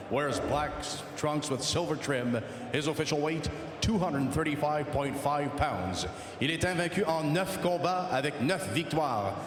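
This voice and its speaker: A man working as a boxing ring announcer, formal and ceremonious, drawing out names over an arena sound system. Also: a little high. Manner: ceremonious, measured, drawn-out delivery. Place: large indoor boxing venue. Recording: echoey arena PA, noisy hall.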